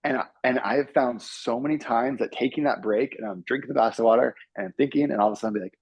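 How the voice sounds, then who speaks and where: A man, a software engineer, giving earnest advice to students on a panel and acting out his own thoughts as he goes. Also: mid-range voice, quick pace, creaky, breathy edge, no room sound. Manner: earnest, animated, acts out his own inner voice.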